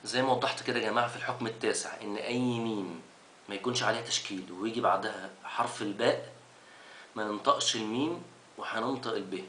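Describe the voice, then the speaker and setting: A man teaching Quran recitation rules, rushing through recaps and stretching out the recited verses slowly. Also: fairly low pitch, steady tone, fairly bright tone, reverberant, slight background noise. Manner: quick recaps broken by slow drawn-out recitation of verses. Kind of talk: tajweed lesson recap.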